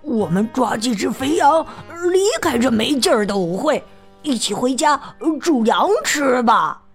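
A woman's voice: on the high side, expressive, unhurried, faint music behind. A woman voicing a greedy, whiny young male wolf cub in a children's storybook, drawing out his calls and bursting into tantrums. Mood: sly coaxing. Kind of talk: storybook read-aloud.

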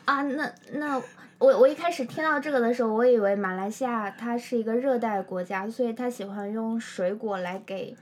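Higher-voiced woman hosting over background noise. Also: brisk, hardly any pauses. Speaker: podcast host. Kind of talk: casual chat, introducing the show.

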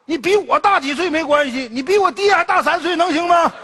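An actor playing a stingy, loud-mouthed rural cousin visiting the city, teasing and quick-witted in a Northeast Chinese accent. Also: male voice, extremely high pitch, in a large hall. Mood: bantering. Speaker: comedy sketch performer. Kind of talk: comedy sketch dialogue.

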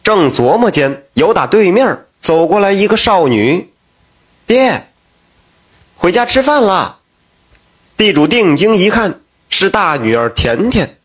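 A man narrating a folk tale in a lively, folksy manner. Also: sits high, a little slow, slightly rough. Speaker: storyteller.

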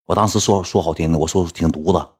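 This storyteller has a husky voice and a Northeastern Chinese accent, talking fast as he spins a rambling, lively anecdote. Now and then he launches into high-pitched mocking rants.

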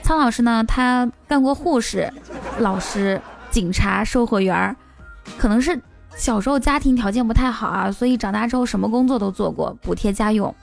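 Playful woman joking over soft music. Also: on the high side, moderate pace, creaky, a faint crowd. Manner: playful, teasing jokes. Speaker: host. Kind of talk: comic monologue.

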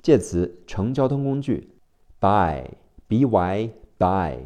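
A male teacher drilling English word spellings letter by letter, slow and deliberate. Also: lowish voice, very animated, mellow. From China.

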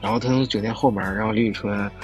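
A man's voice: on the low side, fairly even intonation, quick pace, soft background music. A man co-hosting a podcast, chatting casually and telling anecdotes. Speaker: podcast co-host.

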